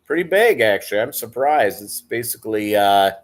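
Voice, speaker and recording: A man with a deep Southern American accent chatting casually as a livestream host, rambling and halting as he talks to viewers. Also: animated. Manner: rambling, halting delivery, reading and answering viewer comments. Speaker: live stream host.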